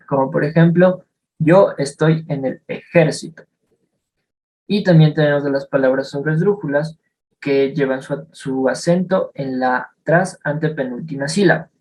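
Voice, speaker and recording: A man's voice: on the high side, a little mellow, poor audio. Hesitant young man giving a class talk. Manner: hesitant, many fillers, reading examples aloud. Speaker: student presenter. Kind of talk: class presentation.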